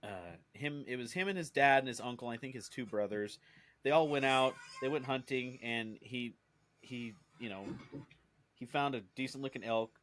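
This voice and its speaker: A man's voice: mid-range voice, moderate pace, fairly bright tone. A man co-hosting a podcast, telling a story in casual chat with lots of restarts. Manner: rambling with many restarts and fillers. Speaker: podcast co-host.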